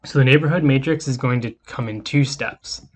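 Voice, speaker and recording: A man giving a recorded lecture, explaining code in a relaxed, casual way as he works through it. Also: medium pitch, moderate pace, slightly rough. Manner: casual, explanatory, talks while typing code. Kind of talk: screen-recorded coding lecture.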